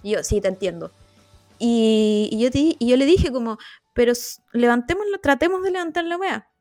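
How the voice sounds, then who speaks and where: A woman's voice: fairly high pitch, animated, moderate pace, mellow, no room sound, studio quality, faint music behind. A young woman with a Chilean accent, chatting casually as a podcast co-host, telling rambling stories with lots of laughing. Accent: Chilean Spanish. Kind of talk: casual chat.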